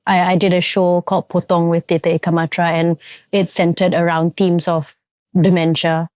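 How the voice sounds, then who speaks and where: A woman's voice: fairly low pitch, little pitch movement, moderate pace, darkish tone, no room sound, studio quality. A young Singaporean woman, a theatre actress, chatting reflectively on a podcast with many fillers and restarts. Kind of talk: casual podcast chat.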